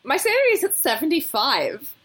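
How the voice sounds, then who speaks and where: A woman playing a tabletop game, talking in an animated, laughing way. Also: high voice, brisk. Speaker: player. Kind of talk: casual tabletop game chat.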